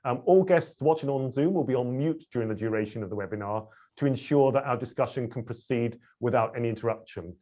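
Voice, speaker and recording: A man's voice: mid-range voice, quick pace, mellow. A man hosting a webinar, chatty and a little self-deprecating, with frequent fillers. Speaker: webinar host. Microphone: video call. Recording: dull lo-fi video call audio.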